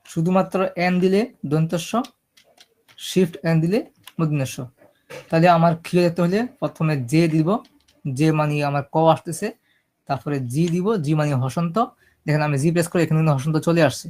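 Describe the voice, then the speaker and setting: A man teaching a screen-recorded typing lesson, explaining each step slowly and checking that his listeners are following. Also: fairly high pitch, steady tone, darkish tone. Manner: explains step by step, often checking "ঠিক আছে?". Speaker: computer typing instructor.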